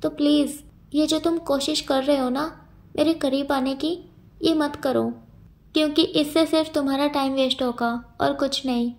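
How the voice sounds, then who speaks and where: A woman's voice: high-pitched, steady tone, moderate pace. A woman voicing a stubborn, defiant young man in a storybook reading, curt and dismissive.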